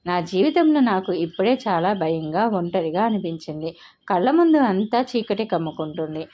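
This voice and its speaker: A woman's voice: mid-range voice, animated, moderate pace. A woman telling a first-person novel story as the channel's storyteller, in a dramatic, emotional way. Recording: slightly dull lo-fi audio.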